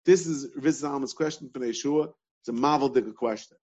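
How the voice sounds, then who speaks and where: A man's voice: medium pitch, a little fast, darkish tone, slightly rough, dull audio. Man teaching a Talmud class. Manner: repetitive, questioning, restarts often.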